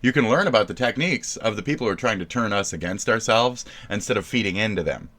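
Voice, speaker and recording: A man streaming live, ranting in profane, mocking commentary that keeps jumping into loud shouts. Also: fairly low pitch, expressive, fast talker.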